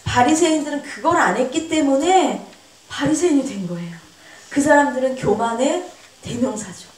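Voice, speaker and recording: Woman, pastor's wife, earnest sermon delivery, fairly high voice, echoey far-off hall sound. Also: expressive, moderate pace. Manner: earnest, acts out quoted voices with big pitch jumps. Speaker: pastor's wife leading a seminar. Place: church hall.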